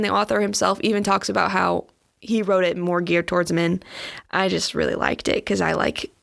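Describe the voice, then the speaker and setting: A woman's voice: on the high side, creaky, fairly bright tone. A woman co-hosting a faith podcast, speaking in an earnest, reflective way in casual chat. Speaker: podcast co-host.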